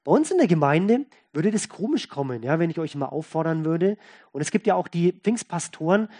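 A pastor delivers a sermon. The tone is folksy and conversational, with key words stressed and repeated, and the voice keeps moving between loud emphasis and soft asides. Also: mid-range voice, sing-song, a little fast.

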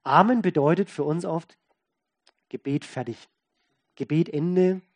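A pastor preaches in an unhurried, medium-pitched voice, keeping things folksy and conversational. He stresses and repeats key words and swings between loud and soft.

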